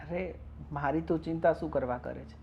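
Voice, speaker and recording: A man's voice: fairly high pitch, moderate pace, creaky. A young man acting as a husband who defends his marriage to an older woman, talking earnestly. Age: young adult. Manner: earnest, pleading, rising to defiant outbursts. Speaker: young husband in a family drama. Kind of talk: Gujarati short-film acting. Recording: dull lo-fi sound with faint noise.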